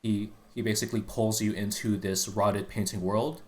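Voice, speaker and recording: Rambling, earnest young-sounding man, low voice. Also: fairly even intonation, normal speed. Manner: rambling, full of restarts and fillers, earnest explainer. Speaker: streamer explaining game lore to friends. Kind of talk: casual live-stream chat.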